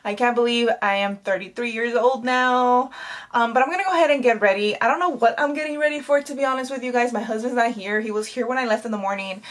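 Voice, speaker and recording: A woman's voice: fairly high pitch, quick pace. A woman in her thirties chatting to viewers in a casual makeup tutorial vlog at home, talkative and bubbly. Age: 30s. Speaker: beauty vlogger.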